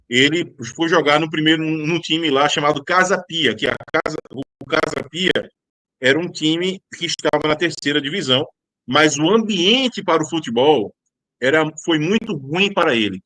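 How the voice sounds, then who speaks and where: Bright, dry-sounding Brazilian man interpreting. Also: a little high, expressive, no echo. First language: Portuguese. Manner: halting, many fillers and restarts. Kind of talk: casual interview, translating.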